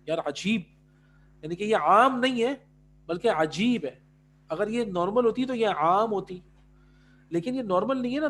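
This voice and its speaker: This high-pitched male Arabic teacher explains words to his class in a blend of Urdu and English, pausing often to confirm the students are keeping up. A little hiss or hum runs through the audio.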